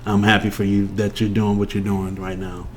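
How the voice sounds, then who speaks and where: A man's voice: fairly low pitch, monotone, moderate pace, a little hiss or hum. An older man co-hosting a casual chat with his wife, rambling and restarting often. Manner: rambling, with frequent restarts and laughs. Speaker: podcast co-host. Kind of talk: casual chat between spouses.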